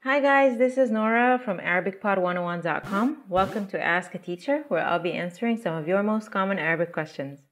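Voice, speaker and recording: A woman teaching a language lesson as the show's teacher, explaining grammar in a clear, deliberate way and slowing down for example phrases. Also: mid-range voice, fairly bright tone. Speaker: Arabic teacher.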